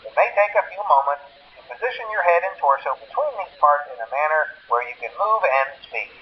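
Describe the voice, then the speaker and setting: Here a man portrays an employee training caller in a video game: a nervous, cheerful, awkward corporate phone trainer at a pizzeria. His slightly high voice runs a little fast, and his mood is awkward yet matter-of-fact as hesitant greetings give way to polite, deadpan procedural instructions. The recorded workplace training message is muffled, lo-fi, and telephone-filtered, with faint noise.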